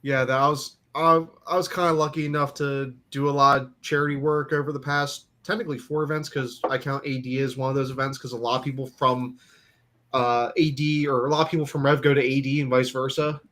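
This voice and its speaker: A man's voice: medium pitch, flat delivery, a little fast, a bit bright. A man hosting a casual aftershow chat, rambling with lots of fillers and restarts. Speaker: host.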